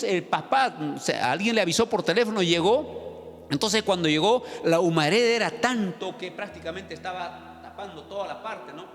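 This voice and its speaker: High-voiced pastor preaching, very lively pitch, big echoey church. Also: male voice. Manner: dramatic storytelling, asks the congregation questions. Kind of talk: sermon. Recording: long church-hall reverb, faint music.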